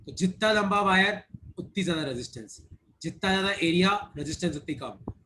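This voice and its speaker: A man with a fairly high voice teaches physics in an online class. He talks in a chatty way, repeats key points and teases his students. A faint hiss sits under the recording. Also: lively intonation, fairly quick, pushed and bright.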